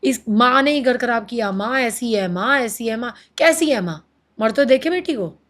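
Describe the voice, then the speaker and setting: Her voice a little high and her speed normal, a woman in her thirties relates the story of her marriage as an interview guest. She gets emotional and animated, moves between Hindi and English, and imitates what others said.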